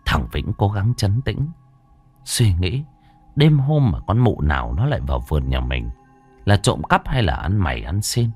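A man tells a ghost story in a low, husky voice. His delivery swoops dramatically up and down, and soft music plays under the narration.

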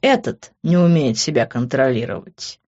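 A woman's voice: a bass voice, very animated, normal speed, darkish tone, lo-fi sound, heavily acted. A woman voicing a smug, self-assured young man.

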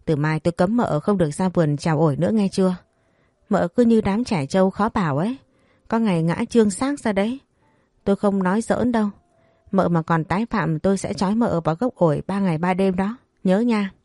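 A woman voicing a stern young husband who teases in a deadpan, cold manner. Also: medium pitch, brisk, no echo, close to an everyday voice. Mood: scolding. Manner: deadpan, dry teasing.

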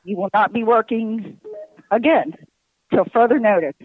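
A woman's voice: fairly high pitch, normal speed, no room sound. A woman calling as a hotel manager. She is curt and demanding, and she talks past the other person over a phone line that keeps cutting out. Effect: choppy phone line that keeps cutting out. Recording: tinny, dry phone line.

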